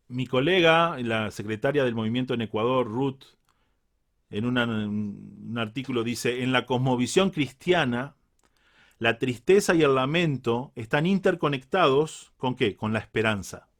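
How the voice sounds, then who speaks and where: A man's voice: mid-range voice, unhurried, a bit bright. A man with a Uruguayan Spanish accent preaching a reflective Bible sermon, earnest and repeating key phrases for emphasis.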